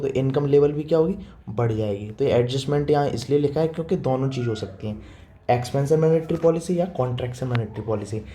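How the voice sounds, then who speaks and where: A young man teaching economics in a casual lecture style, talking fast and often checking in with the students. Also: fairly high pitch, warm tone. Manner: repetitive, checks understanding with frequent 'theek hai'; quick, informal teaching tone, addresses students as 'beta'. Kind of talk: classroom lecture explaining diagrams.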